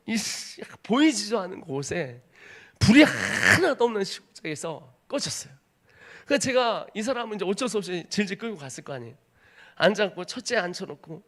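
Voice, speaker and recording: Korean missionary guy preaching, high voice that jumps all over, acts out every bit of the story. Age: 30s. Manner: dramatic storytelling, acts out voices, swings from hushed to shouting. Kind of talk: sermon with personal testimony.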